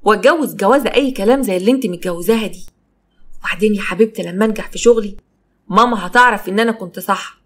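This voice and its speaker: A frank, independent young Egyptian woman talks quickly and earnestly, voiced by a woman narrator. Her tone is plain and caring. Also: mid-range voice, natural voice. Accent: Egyptian Arabic.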